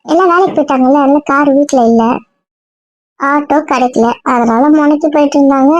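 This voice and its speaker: Woman as a kindly elder sister, high and chatty, dry lo-fi audio drama. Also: fairly quick, dry recording, close to an everyday voice. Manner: chatty, affectionate. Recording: dull dry lo-fi sound.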